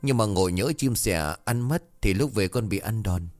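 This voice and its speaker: A poor, timid young girl from a folk tale, read by a man. She pleads plaintively in a deep reading voice. Soft music plays behind. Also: lively intonation, moderate pace, in a large hall, lightly acted.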